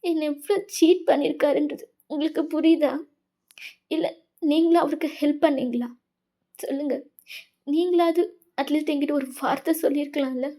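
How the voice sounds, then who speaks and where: A woman's voice: sits high, steady tone, brisk, long pauses, warm tone, pitched above the performer's own voice, natural voice. A woman voicing a heartbroken young woman who pleads and accuses through tears, in a fan fiction voice-over. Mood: accusing.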